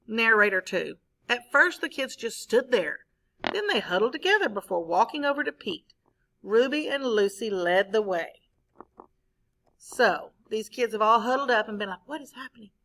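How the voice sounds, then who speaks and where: A woman's voice: fairly high pitch, normal speed, poor audio. A woman teacher, reading a story aloud to her class and stopping to ask questions. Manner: expressive, asks the class questions.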